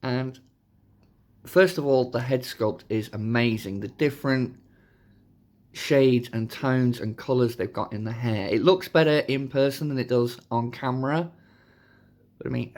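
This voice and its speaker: A man hosting a casual, chatty toy review, his voice hoarse from a sore throat. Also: mid-range voice, darkish tone. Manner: informal, chatty. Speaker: host of a toy review channel.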